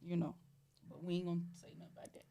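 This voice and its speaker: A woman in her forties co-hosting a talk show in casual chat, quick to agree and affirm the others. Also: lowish voice, flat delivery, gravelly, heavy background noise. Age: 40s.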